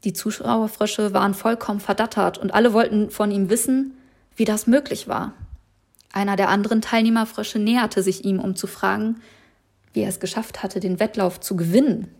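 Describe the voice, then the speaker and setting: A woman recording a regular audio message for listeners, telling a short fable. Her delivery is calm, measured and unhurried. Her voice sits in an ordinary middle pitch for a woman. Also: vocal fry. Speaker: speaker of a recurring audio message. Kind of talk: storytelling a fable.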